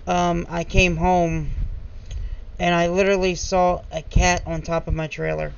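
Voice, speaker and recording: A man's voice: high-pitched, little pitch movement, a little slow, creaky, smooth. A man hosting a casual podcast chat, telling rambling stories full of restarts and fillers. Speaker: host. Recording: dull lo-fi mic with faint noise.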